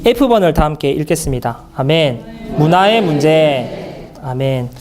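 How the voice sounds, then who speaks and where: A man speaking at a church Bible seminar in an earnest, halting way, with many fillers and restarts. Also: fairly high pitch, lively intonation, music in the background.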